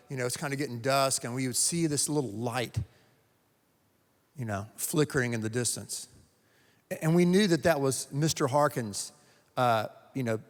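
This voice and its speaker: A man from North Carolina preaches a sermon in a steady mid-range voice. He leans on repetition and drops into pauses to let key words land. The sound carries the long, lingering reverb of a church sanctuary. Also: medium pitch. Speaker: pastor.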